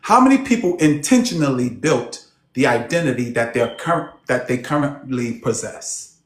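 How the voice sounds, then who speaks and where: A man coaching a group on a video call, preaching emphatically and swinging between loud and soft. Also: mid-range voice, animated, normal speed. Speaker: personal development coach. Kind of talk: motivational group coaching session. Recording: roomy echo on a call.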